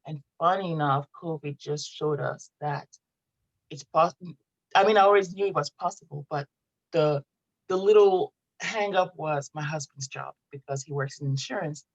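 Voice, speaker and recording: A woman's voice: sits low, moderate pace, no echo, dull audio. A woman from Morocco, in her thirties, chatting casually as an interview guest, laughing often and restarting her sentences. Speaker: guest, content marketing strategist.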